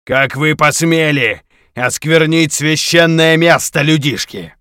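A man voicing a menacing, haughty otherworldly mutant shaman with a possessed, booming demonic delivery, in a dramatic audiobook. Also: slow pace, sharp tone, smooth, no echo, clean studio sound. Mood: wrathful.

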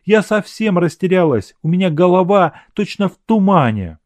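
A man voicing a flustered, guilt-ridden young woman who speaks softly and pleadingly in a storybook reading. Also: sits high, lively intonation, a little slow, no echo, voice pushed up. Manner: soft and pleading.

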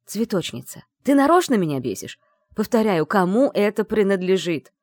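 Gruff, menacing young man for an audiobook, read by a woman; low and insistent. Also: sing-song, fairly quick, no echo, clean studio sound. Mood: irritated. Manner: gruff and insistent, turns cold and threatening. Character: brusque young man, stern fiancé, menacing.

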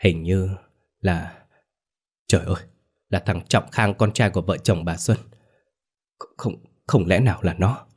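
Guy doing a desperate grieving mom in a ghost story, wails, low voice pushed up. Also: a little slow, long pauses, a little mellow, slightly rough. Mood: choked up. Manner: wailing, pleading. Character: grieving middle-aged mother, desperate.

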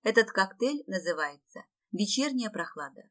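A woman's voice: medium pitch, sing-song, moderate pace, lightly acted. A woman reading an audiobook, voicing a timid young female student who grumbles and speaks hurriedly. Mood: grumbling.

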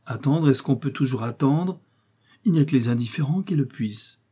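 Guy doing a soft pleading young chevalier, mellow husky voice, audiobook. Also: lively intonation, moderate pace. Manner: pleading, softer and lower. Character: young lovesick male chevalier, earnest and pleading. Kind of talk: audiobook reading.

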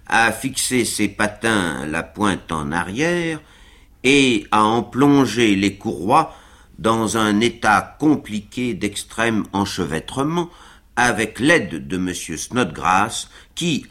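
A man reading a classic novel aloud for radio with unhurried, expressive narration. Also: lowish voice. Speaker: reader of a novel.

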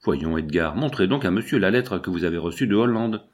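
A man's voice: low voice, lively intonation, fairly quick. A man reading an audiobook, voicing a frightened young woman who pleads in a raised, agitated voice. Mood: pleading.

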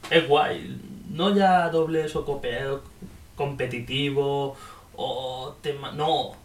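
A man's voice: medium pitch, steady tone, slow, a little hiss or hum. A male co-host chats casually about games, joking and swearing. His voice sounds roomy and a little distant from the mic. He laughs often. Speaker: game reviewer co-host. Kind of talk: casual podcast chat. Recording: roomy, a bit far from mic.

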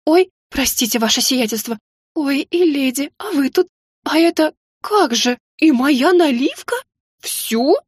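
A woman's voice: sits high, expressive, measured pace, no echo, clean studio sound, pitched above the performer's own voice. Woman doing a fussy, grumbling old cook. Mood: flustered. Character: older kindly grumbling female cook.

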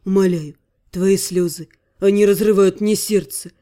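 A woman reading an audiobook voices a young nobleman count who speaks low, soft and pleading. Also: fairly even intonation, normal speed, smooth, lightly acted. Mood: tender. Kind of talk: audiobook character voice.

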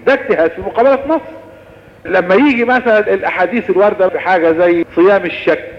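A man with an Egyptian Arabic accent gives a recorded religious lesson on Islamic law, lecturing in a lively, explanatory way and answering questions. His voice is set high and his words tumble out quickly. The recording sounds muffled and dull, with a long hall reverb trailing each phrase.

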